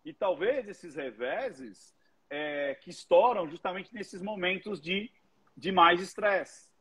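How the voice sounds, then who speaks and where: A man, a guest who teaches public speaking, telling stories in an animated way and swearing freely. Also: high-pitched, takes it slowly, slightly rough. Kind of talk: casual commentary chat.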